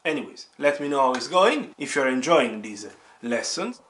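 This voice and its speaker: A man teaches piano informally, one step after another, circling back to repeat key points while the piano is played. His medium-pitched voice swings widely in pitch, moves at a moderate pace and sounds fairly bright, with slight background noise.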